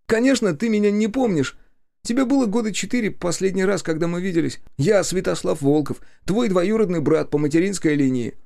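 A man voicing a hoarse, talkative young male journalist with a wry, friendly way of talking, pitched well above his own voice. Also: brisk, dark tone. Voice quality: hoarse, strained higher voice.

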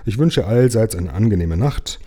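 A man's voice: fairly low pitch, expressive, normal speed, dark tone. A man reading aloud, voicing an apologetic, slightly plaintive mail carrier in a children's story. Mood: plaintive, polite. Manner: apologetic, anxious.

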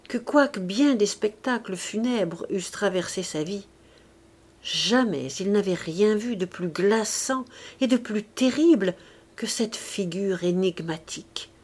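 Slow, measured woman audiobook reader. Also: medium pitch. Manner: slow, measured reading, dropping at times into a soft whisper. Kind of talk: literary audiobook narration.

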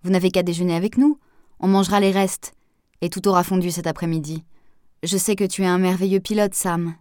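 A woman reading the lines of a cheerful, caring young woman in a novel, in a low, dry voice. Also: steady tone, a little fast, a little mellow, no echo, natural voice. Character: warm, lively young woman, Pascal.

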